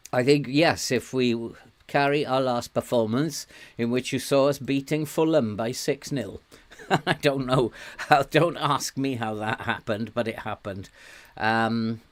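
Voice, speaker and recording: Losing his voice to a sore throat, a man plays a management game on a live stream, welcoming viewers and musing aloud between ums and soft laughs. He speaks with a clean tone at a medium pitch.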